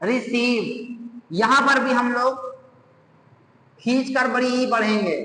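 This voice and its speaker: Male grammar teacher, very high voice, slow and deliberate, spells words aloud; roomy reverberant recording. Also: sharp tone, a little hiss or hum. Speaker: English teacher. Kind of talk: classroom grammar lesson. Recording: echoey room with long reverb.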